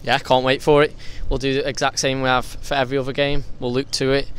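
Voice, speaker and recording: A young male footballer talks quickly and fluently after the match. His voice is crisp and clear, and his tone flat but upbeat, spoken into a handheld mic outside the ground. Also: mid-range voice. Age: young adult. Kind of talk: post-match interview. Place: outside a stadium entrance.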